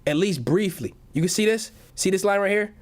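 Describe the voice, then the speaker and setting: A man with a high-pitched voice hosts a lively stock-market stream and talks straight to his chat. He hypes every point, says most lines twice, and keeps addressing viewers as "baby.". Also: a little fast. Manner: hype-man delivery, repeats each phrase, calls viewers "baby". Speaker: stock market livestream host.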